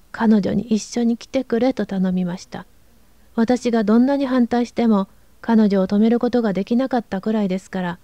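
A woman narrator reading a translated novel aloud in a calm, even storytelling manner. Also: medium pitch, dry recording, lo-fi sound.

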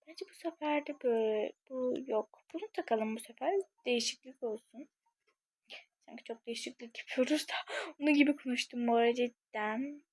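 Chatty high-voiced woman gamer. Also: brisk, few pauses, darkish tone, dry recording. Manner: chatty, addresses viewers often, thinks aloud. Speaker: gaming channel creator. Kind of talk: casual game commentary.

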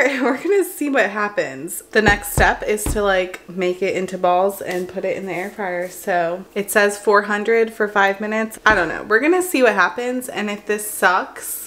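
A young woman talks her way through a home baking vlog, chatty and self-deprecating, thinking out loud as she goes. She is recorded close to the camera in a home kitchen, with a faint room hum behind her. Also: mid-range voice. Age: young adult. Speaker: lifestyle vlogger. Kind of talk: casual bake-along vlog. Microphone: camera at close range.

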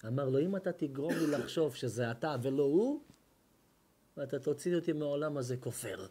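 Husky rabbi telling a story. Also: male voice, fairly high pitch. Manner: animated storyteller acting out dialogue, swinging from hushed to loud. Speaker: rabbi giving a Torah lesson. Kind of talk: storytelling sermon. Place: hall at an evening lecture.

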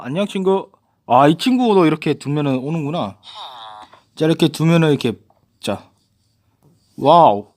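A young man giving casual gameplay commentary, explaining new items and talking to himself as he plays. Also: fairly high pitch. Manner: lively, talks to himself while playing. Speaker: gaming YouTuber.

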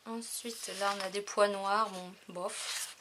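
Taking it slowly in a steady, medium-pitched voice, a French woman shows off and counts the items in her crafting haul video. She is a chatty vlogger who uses lots of fillers, and there is background noise.

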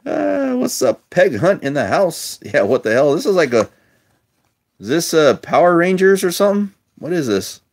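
A man's voice: medium pitch, gravelly. A man casually commenting while opening a lot of old toy cars, chatty and wry with muttered asides, filmed on a handheld phone at a table indoors. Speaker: toy collector vlogger. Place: indoors at a table, filming toys close up.

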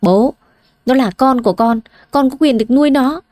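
A woman's voice: high voice, normal speed, dark tone, no echo, studio quality, voice pushed up, lightly acted. A woman voicing a meek, downtrodden young wife who pleads for her child. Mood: pleading. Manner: subdued, pleading.

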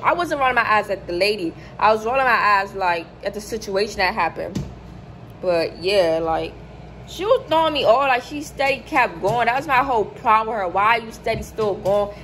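Animated young woman with a higher voice, telling a storytime. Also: a little hiss or hum, rough recording. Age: 20s. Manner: animated, acts out quoted people in a higher voice. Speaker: vlogger. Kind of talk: casual storytime chat. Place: hotel room, indoors. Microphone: phone camera held close below the face.

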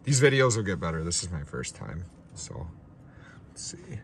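A man's voice: deep voice, very animated, normal speed, vocal fry, a little hiss or hum. A young man with a stuffed-up nose, casually talking through opening trading card packs, unscripted and a bit self-deprecating. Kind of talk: casual pack-opening commentary. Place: small room with a ring light.

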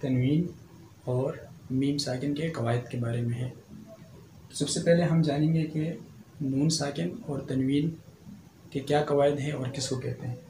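A man's voice: mid-range voice, steady tone, warm tone. Patient male Quran teacher, echoey room. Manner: patient, explains slowly, often checks with "thik hai". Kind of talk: tajweed lesson. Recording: echoey room, faint ambient noise.

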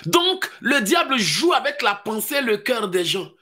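Male Ivorian French pastor, high, bright, fiery preaching with mocking asides. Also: sing-song, measured pace. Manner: swings between shouted preaching and low mocking voices of doubters. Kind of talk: fiery sermon.

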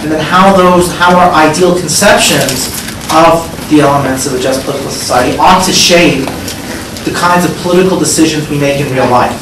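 A middle-aged man giving a measured academic lecture from a podium, often checking in with "right?". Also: a little high. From Egypt, raised in the United States. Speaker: guest lecturer. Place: large lecture hall. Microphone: podium microphone, heard from a distance. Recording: echoey lecture hall, distant mic, noisy.

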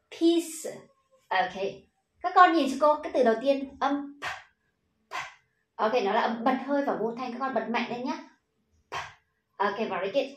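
A fairly high-voiced young woman with a Vietnamese accent leads children through pronunciation drills, saying words slowly and praising each try. Her voice rings in an echoey room. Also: a bit bright. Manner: encouraging, says "ok, very good" often, drills words slowly. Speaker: English pronunciation teacher. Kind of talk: teaching children pronunciation with call-and-response drills.

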